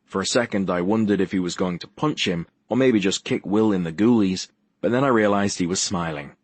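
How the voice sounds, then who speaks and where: A man's voice: low voice, brisk, no room sound. A man narrating a first-person audiobook with a wry, dry wit.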